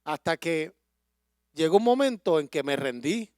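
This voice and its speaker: Man, middle-aged pastor, fairly high voice, dry close sound, emotional sermon storytelling. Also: lively intonation, unhurried, no echo. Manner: emotional storytelling that builds to impassioned loud preaching.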